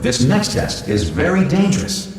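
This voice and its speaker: An actor playing a calm, cheerfully callous recorded announcer in a video game, giving formal instructions in an unflappable deadpan. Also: male voice, on the high side, moderate pace, heavy background noise. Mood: deadpan reassuring. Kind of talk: scripted public-address announcement in a video game. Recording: echoey announcer sound, game music behind.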